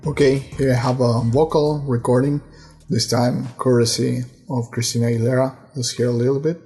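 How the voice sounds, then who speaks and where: Student voice-over: man, slow careful explainer, monotone delivery. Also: mid-range voice, faint music behind. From Brazil, raised in Argentina. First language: Portuguese and Spanish. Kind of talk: recorded lesson voice-over.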